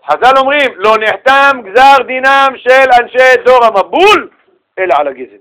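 A man with a fairly high voice leads a religious class, spinning everyday anecdotes and briefly acting out the people in them. He talks in a lively, animated way, and the sound has the feel of a radio broadcast. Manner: animated storytelling, acts out little dialogues. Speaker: rabbi giving a Torah class.

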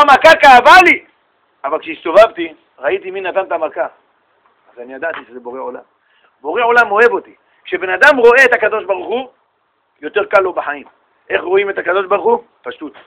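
Animated high-voiced man preaching. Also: poor audio. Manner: animated, acts out voices and shouts in stories, banters with listeners. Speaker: rabbi giving a Torah lesson. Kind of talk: lively storytelling sermon.

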